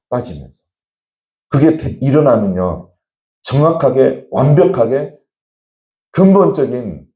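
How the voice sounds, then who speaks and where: Male pastor, sermon; expressive swinging delivery, exhorting the congregation. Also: lowish voice, echoey room. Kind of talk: sermon at an evening prayer meeting. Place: church.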